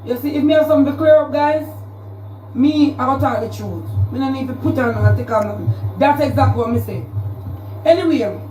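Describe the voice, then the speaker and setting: A Jamaican woman with a high voice delivers a heated livestream rant, circling back over the same points as she calls someone out. She sounds roomy, picked up by a phone mic from a few steps away. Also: fairly quick, mellow, recorded from a distance. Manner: confrontational, repetitive, calling out a rival. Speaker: social media livestreamer.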